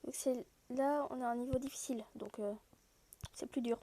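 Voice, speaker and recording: A woman with a high voice and a mellow, rounded tone talks through a mobile game as she plays. She explains each screen and rule straight to her viewers in an easygoing, conversational way. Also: steady tone, moderate pace, slight background noise. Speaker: gaming video host. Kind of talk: casual gameplay walkthrough.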